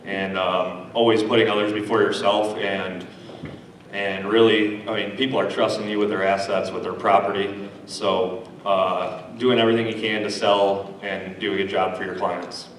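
A man's voice: on the low side, little pitch movement, a little hiss or hum. Male contestant, 30s, Midwest, hesitant spoken answers, very reverberant and off-mic. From Michigan, United States. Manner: hesitant, halting. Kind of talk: interview answers on stage. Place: indoor stage. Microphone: handheld mic through PA, recorded by far camera. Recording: echoey stage hall, distant camera.

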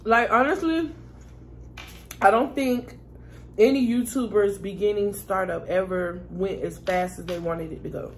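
A woman's voice: medium pitch, measured pace, slight background noise. A woman chatting casually to her viewers while eating a meal. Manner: chatty and laid-back, talks while eating. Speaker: vlogger. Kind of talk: casual mukbang chat.

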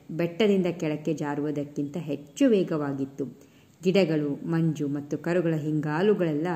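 A woman narrating a children's storybook aloud, reading steadily with short pauses between phrases. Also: deep voice, mellow.

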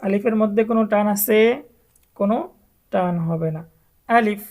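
A woman's voice: mid-range voice, darkish tone. A woman teaching Arabic letters to adult learners as a Quran teacher, drawing out each letter name and repeating it for the class to echo. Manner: drawn-out, repeated letter names for students to echo.

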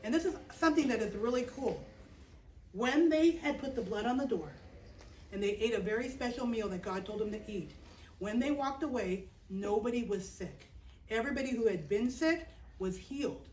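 A woman with a high voice tells a Bible story to children, acting it out with big energy and checking in with the kids as she goes. She is middle-aged. The sound comes from a far camera in a small classroom, roomy and echoey, with a faint hiss underneath. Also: moderate pace. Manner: lively, acts out the story with gestures, checks in with "okay?". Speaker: children's chapel teacher. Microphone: far camera, no visible mic. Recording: roomy echo, distant camera.

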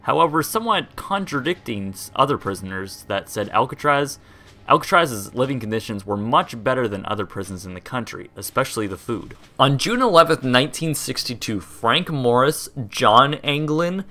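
Young guy narrating a history vid, bright voice, rambly and laughing, stumbles on words. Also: medium pitch, lively intonation, moderate pace. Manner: rambling, chatty, laughs and trips over words. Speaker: host. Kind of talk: casual narrated history video. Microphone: voice-over.

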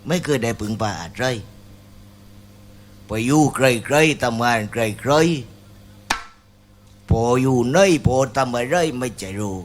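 A man's voice: mid-range voice, takes it slowly, pauses often, a little hiss or hum. A man, a shadow-puppet master, giving folksy moral commentary on stage at an outdoor festival. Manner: preaching, folksy. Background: live band music.

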